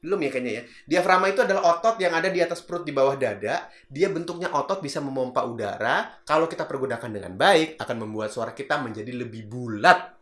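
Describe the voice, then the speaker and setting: A man's voice: mid-range voice, fast talker, fairly bright tone. A man teaching public speaking in a casual, chatty video lesson. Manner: chatty, acts out example voices, laughs at own jokes. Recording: roomy echo.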